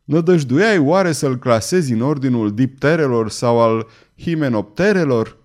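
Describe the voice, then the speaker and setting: A man reading an audiobook, voicing a wry, quick-witted lady passenger. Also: medium pitch, lively intonation, a little mellow, lightly acted.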